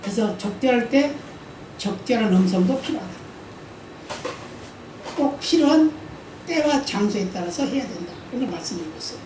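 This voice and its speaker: A woman's voice: on the high side, animated, moderate pace, pauses often, recorded from a distance, noisy background. A woman pastor giving a conversational sermon. She often asks the congregation for an amen and acts out the quoted speech in her stories. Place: church sanctuary during service. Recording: roomy church hall, voice from afar.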